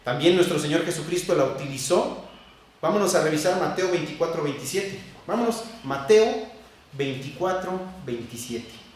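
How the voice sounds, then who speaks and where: A man preaching an expository sermon, teaching carefully and repeating key words slowly. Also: on the high side, animated. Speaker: pastor. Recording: very echoey church room, distant mic.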